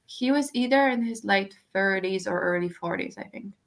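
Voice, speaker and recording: A woman co-hosting a book discussion chats casually and effusively, her talk gushing and full of slang. Her voice sits at medium pitch and moves at a normal speed.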